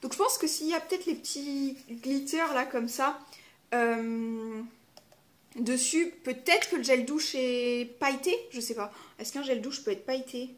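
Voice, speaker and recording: Une femme qui parle de façon décontractée en déballant des calendriers de l'avent, avec beaucoup d'hésitations et d'autocorrections. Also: female voice, sits high, unhurried. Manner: chatty, lots of fillers, self-correcting. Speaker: vlogger opening advent calendars. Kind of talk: casual unboxing chat.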